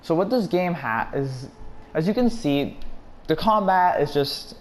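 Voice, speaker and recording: A man giving excited, rambling commentary while playing a video game, often restarting sentences and laughing. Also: on the high side, a little slow. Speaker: gaming YouTuber. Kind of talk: gameplay commentary.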